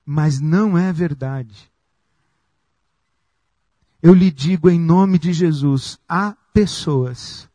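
A man preaching a sermon as pastor, slow and emphatic with long pauses. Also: on the high side, warm tone, no room sound.

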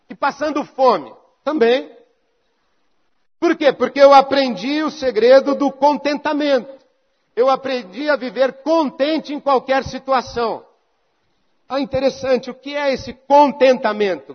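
A man's voice: extremely high pitch, lo-fi sound. A pastor preaching a conversational sermon, acting out little dialogues to make his point.

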